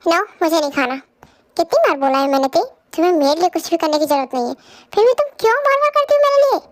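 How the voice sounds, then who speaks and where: A woman's voice: very high-pitched, expressive, fast talker, no echo. A woman voicing a cold young husband who talks curtly and brushes others off, in a fan audio drama dub. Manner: curt and brusque.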